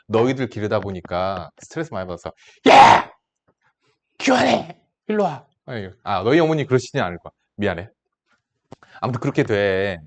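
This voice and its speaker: Brief: male math teacher in his 30s, casual and teasing with his class, pitch jumps around a lot. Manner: casual, teasing, talks down to students like a big brother. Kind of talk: classroom lecture with side stories.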